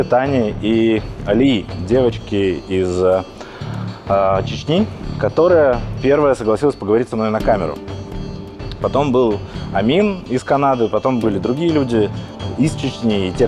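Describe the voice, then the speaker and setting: A man, the journalist host, narrating a documentary in a measured, reflective way and asking questions. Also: lowish voice. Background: music.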